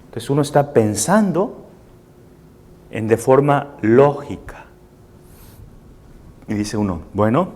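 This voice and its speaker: Un hombre con acento mexicano da una clase en vivo ante un público sentado. Explica paso a paso y busca la aprobación de sus oyentes con preguntas cortas como "¿verdad?". Su voz tiene un tono medio, normal para un hombre. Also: male voice, mid-range voice, a little mellow. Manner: explanatory, seeks assent with tag questions. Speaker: lecturer. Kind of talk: live classroom lecture. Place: room with a seated audience.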